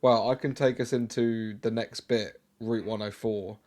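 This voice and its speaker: A man co-hosting a podcast, relaxed and casual, moving the talk on to the next part. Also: fairly low pitch, a little slow. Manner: laid-back, steers the talk to the next part. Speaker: podcast co-host. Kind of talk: casual chat.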